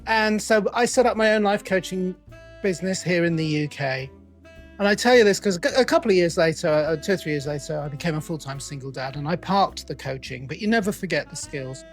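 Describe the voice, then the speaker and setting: A middle-aged Englishman with a British accent, an accountability coach and author, tells his story as a guest in a conversational interview, animatedly acting out his own quoted thoughts. His voice is on the high side and brisk, with soft background music.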